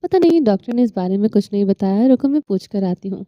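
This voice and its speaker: A woman voicing a quick-tempered but caring young woman in an audio novel. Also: mid-range voice, expressive, dry recording, dull audio, natural voice. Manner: sharp, exasperated.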